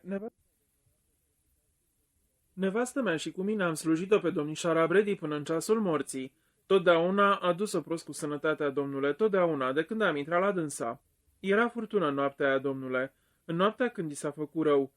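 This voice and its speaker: A frightened, deferential butler, as a man reads him aloud, talking low and respectful. The voice is a touch high for a man. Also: lightly acted. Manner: low, respectful, keeps saying sir. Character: nervous middle-aged male butler, servile.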